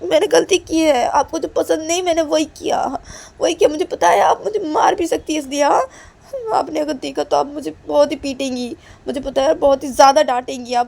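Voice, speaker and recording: Woman voicing anxious young daughter; high-pitched pleading, gravelly edge. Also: darkish tone. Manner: high pleading, repeated pleas. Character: frightened young woman pleading with her mother.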